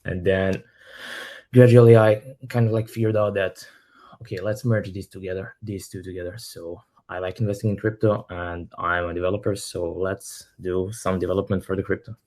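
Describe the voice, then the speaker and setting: A man from Serbia, a guest engineer in an online audio chat, speaking in a steady, matter-of-fact way. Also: deep voice, normal speed. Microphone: online audio stream.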